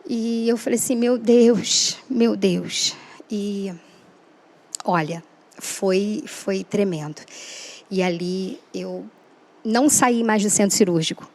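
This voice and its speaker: Speaking slowly in a mid-range voice, a woman guest gives an emotional personal testimony. She is earnest, re-enacts the dialogue she remembers, and often says "né?".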